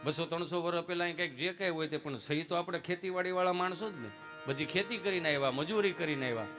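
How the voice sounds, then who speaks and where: A man's voice: fairly high pitch, fast, soft background music. A man telling folk jokes and stories on stage, acting out many voices. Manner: lively joke-telling with many acted voices. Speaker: folk comedian. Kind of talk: live stage storytelling.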